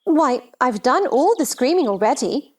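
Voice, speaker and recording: A woman's voice: sits high, big pitch swings, measured pace, heavily acted. A woman playing a scatterbrained, helpless queen in a theatrical children's storybook drama, fluttery and fussy. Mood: brisk, cheerful. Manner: fluttery, nonsensical insistence, crying out.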